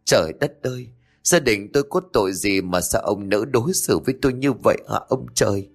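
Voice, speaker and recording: A man's voice: on the low side, fairly quick, soft background music. A man voicing a middle-aged grieving mother who wails and laments to heaven, in a told ghost story. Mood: wailing. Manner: wailing, lamenting.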